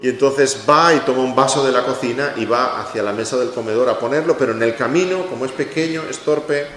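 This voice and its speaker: A male pastor preaches with emphasis, repeating his main points and playing out brief quoted lines. His mid-pitched voice rings through a large church hall with a long, lingering reverb. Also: brisk, fairly bright tone. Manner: emphatic preaching, repeats key phrases, acts out little quotes. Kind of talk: sermon.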